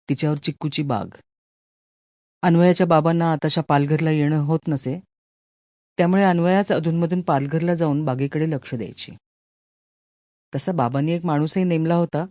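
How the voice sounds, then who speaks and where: A woman audiobook narrator reading a literary short story in a measured, storytelling manner, recorded close in a studio. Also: deep voice, dark tone, dry recording. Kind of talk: scripted narration.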